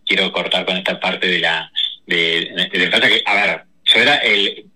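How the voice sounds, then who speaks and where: An adult man tells personal stories as a guest. His voice sits low but rings hard and bright. He talks in quick bursts full of slang and restarts. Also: poor audio. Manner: animated, rushes through stories with slang and restarts. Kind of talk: casual personal storytelling.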